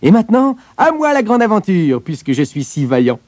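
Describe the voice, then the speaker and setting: A man voicing a small, boastful, cheeky male tailor in a storybook reading, in a much higher voice than his own. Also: very animated, normal speed, mellow, husky, no room sound, exaggerated voice.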